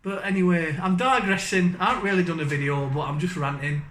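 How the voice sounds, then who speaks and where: A man's voice: on the high side, fast talker, a bit bright, echoey room, slight background noise. A man with a Northern English accent, a gaming YouTuber giving a blunt, self-mocking comic rant to camera that keeps drifting off topic.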